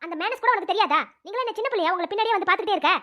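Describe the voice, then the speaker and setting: A stern middle-aged camp teacher in a cartoon, played by a woman scolds with authority. The voice is very high-pitched and rapid. She sounds firm and commanding. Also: pushed and bright. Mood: scolding. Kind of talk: cartoon voice acting.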